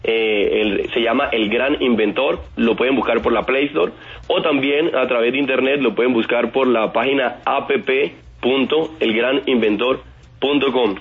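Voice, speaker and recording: A young inventor in his twenties from Antioquia answers radio interview questions earnestly over a tinny phone line, using many fillers. His Antioquian accent carries touches of Colombia's Caribbean coast. His medium-pitched voice is slightly rough at a moderate pace.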